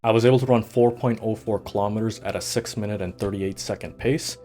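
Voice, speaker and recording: Low-voiced man narrating a fitness vlog. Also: brisk, faint music behind. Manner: steady and matter-of-fact, listing numbers. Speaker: vlogger. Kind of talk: scripted voice-over narration.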